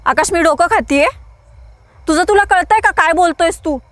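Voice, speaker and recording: A woman's voice: very high voice, normal speed, dry recording. An actress playing Sheetal, a young woman who pleads and defends herself to her partner.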